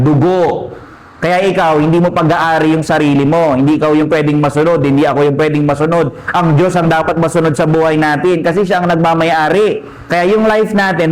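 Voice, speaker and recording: Slightly high-voiced man preaching. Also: low-quality recording. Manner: switches between Tagalog and English, slows down to read Bible verses; asks questions and answers them himself. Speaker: pastor. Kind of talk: Bible teaching sermon.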